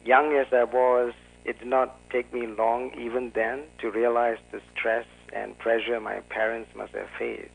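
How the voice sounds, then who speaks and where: A man from Singapore, a guest author, answering calmly and a bit formally in an interview. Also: medium pitch, measured pace, vocal fry, low-quality recording. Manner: calm, careful and formal. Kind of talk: conversational interview.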